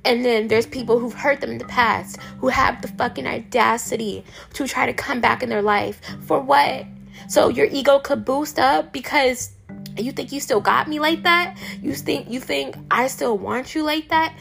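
A hoarse, raspy woman hosting a podcast, delivering an irritated, heated rant and cussing freely. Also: high-pitched, moderate pace, a bit bright, soft background music. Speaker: podcast host. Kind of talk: ranting monologue.

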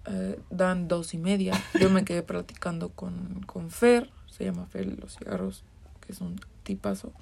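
A woman's voice: on the low side, steady tone, measured pace, vocal fry, darkish tone. A woman with a Mexican accent, a podcast guest telling a personal story in a candid, casual way, swearing freely. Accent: Mexican Spanish.

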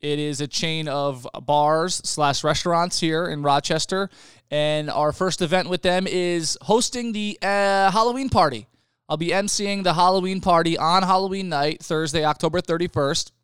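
Man, young adult, podcast host, casual chat, smooth voice, dry close-mic sound. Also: a little high, moderate pace, fairly bright tone, no echo. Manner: chatty, laughs easily, loose restarts. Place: home studio.

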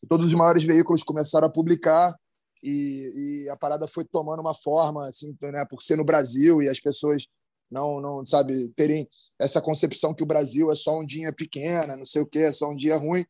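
A man's voice: a little high, little pitch movement, brisk, a little mellow, no room sound, clean studio sound. A man, a professional big-wave surfer, telling a story in casual, slang-heavy talk, with many restarts and sound effects. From Brazil. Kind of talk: casual storytelling in a podcast chat.

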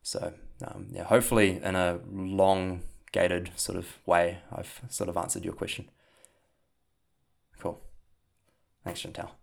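His voice sits low and creaky, level in tone and slow. He's a young New Zealander, a coach hosting a podcast, chatting casually through an outro with plenty of fillers and restarts.

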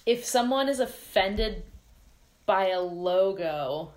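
A woman with a middle-pitched voice talks casually as a podcast co-host. She is hesitant and searches for the right words as she goes. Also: animated, takes it slowly, a little mellow. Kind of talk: casual chat.

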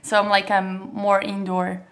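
A woman's voice: mid-range voice, completely flat delivery, unhurried. A young woman from southern Brazil speaks English with a Brazilian accent, Portuguese being her first language. She answers an interviewer's questions in a casual, hesitant way, full of fillers and small giggles. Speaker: interview guest, model.

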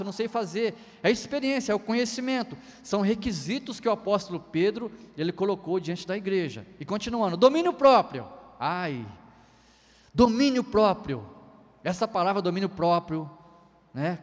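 Pastor guy, middle-aged, high voice, keeps asking the crowd stuff, big echoey church. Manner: conversational preaching, constant rhetorical questions and tag 'né'. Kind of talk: sermon. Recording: long hall reverb.

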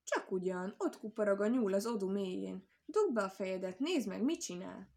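A cunning fox from a storybook, taunting and scheming in a loud, pushy way, put on by a woman reading aloud. He sounds full of himself and crafty. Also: medium pitch, lively intonation, gravelly. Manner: mocking, blustering. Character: sly scheming male fox.

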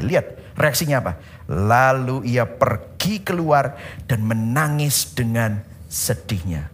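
A man preaching a sermon as pastor, animated, moving between loud calls and hushed words and acting out quotes. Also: high-pitched.

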